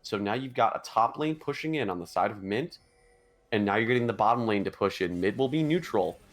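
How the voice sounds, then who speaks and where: Excitable male esports play-by-play caster. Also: a little fast, soft background music. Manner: excitable, pitch jumps high in big fights. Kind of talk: play-by-play commentary.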